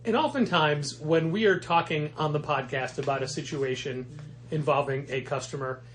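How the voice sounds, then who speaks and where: Higher-voiced man asking prompting questions. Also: moderate pace. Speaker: comic shop podcast co-host. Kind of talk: casual chat.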